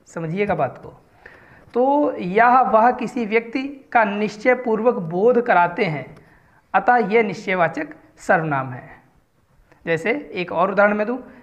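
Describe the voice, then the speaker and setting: A woman's voice: medium pitch, muffled recording. A woman teaching a Hindi grammar lesson, explaining step by step and asking her students questions.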